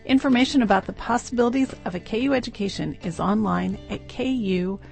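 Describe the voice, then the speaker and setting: A woman with a gravelly edge reads scripted station IDs and sponsor credits over a faint music bed. Her delivery is crisp and promotional. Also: medium pitch, brisk, a little mellow. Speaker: radio station announcer.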